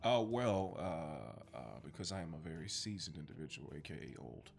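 Man podcast guest, very deep, hesitant speech with a lively range. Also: normal speed, vocal fry, music in the background. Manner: hesitant, many fillers. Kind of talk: casual chat.

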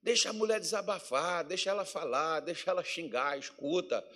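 A middle-aged pastor from preaches in its with a rather high voice. He tells homely stories and swings from ringing declarations down to quiet asides. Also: fairly quick. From Minas Gerais, Brazil. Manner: folksy, storytelling preacher who shifts between loud declarations and soft asides. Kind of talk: sermon.

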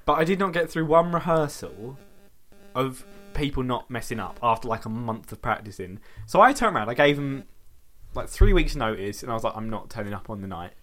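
Lively chatty man. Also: medium pitch, fairly quick. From Essex, England. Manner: chatty, rambling, uses "like" constantly. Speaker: podcast co-host. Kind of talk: casual chat.

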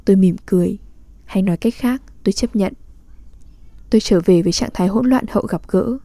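A woman reads a literary diary aloud, calm and measured in an intimate way. Her voice is deeply mellow and dark, close and dry with no room sound. She keeps an even, unhurried reading tone throughout. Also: no room sound. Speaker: reader.

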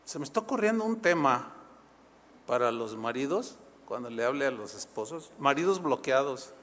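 A man preaching a sermon as a pastor, in an animated, conversational way with quick asides. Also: medium pitch. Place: church sanctuary. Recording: long hall reverb.

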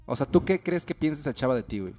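A man with a Mexican Spanish accent, chatting casually with friends. He tells stories in a slangy, animated way and acts out the quotes. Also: medium pitch, rapid-fire, faint music behind. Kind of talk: casual chat among friends.

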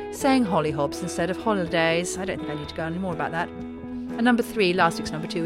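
A middle-aged woman hosts a scripted comedy podcast with a dry, exasperated delivery. Her pitch sits mid-range, and clear music plays under her voice. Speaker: host. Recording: music bed behind the voice.

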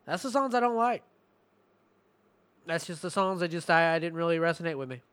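A man giving a casual, profane album review, rambling and slipping into rapped lyrics, his voice going hoarse. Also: on the high side, expressive, brisk, fairly bright tone, dry recording. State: losing his voice.

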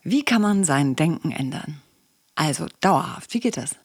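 A woman's voice: low voice, expressive, moderate pace, breathy edge. A woman coach and psychologist hosting a podcast, talking casually and asking the listener questions. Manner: conversational, asks the listener questions.

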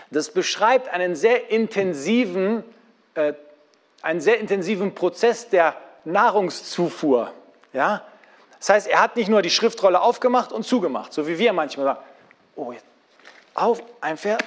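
Lively high-voiced male preacher. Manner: lively, conversational, asks the congregation questions. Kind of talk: sermon.

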